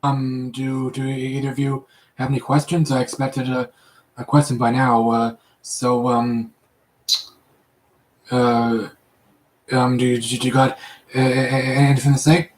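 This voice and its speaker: A man hosting a casual live chat from his room, who talks in halting bursts full of repeated words and fillers. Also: medium pitch, level tone, darkish tone, reverberant, poor audio. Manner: halting, many repetitions and fillers.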